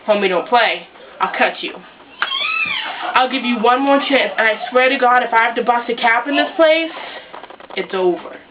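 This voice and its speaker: A sassy female fairy with a streetwise mouth, put on by a woman. She scolds and threatens in a voice pitched on the high side. The recording is dull and lo-fi with steady hiss behind it. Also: normal speed, far from the mic, close to an everyday voice. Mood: menacing. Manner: streetwise threats, flying into shrieking rage. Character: sassy tough-talking female fairy enforcer.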